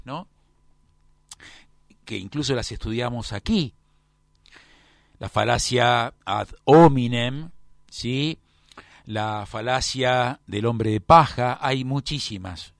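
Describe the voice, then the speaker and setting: A man's voice: mid-range voice, slow pace, creaky, long pauses, no echo. Professorial man lecturing in a dry room. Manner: professorial, often checks with the class. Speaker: teacher.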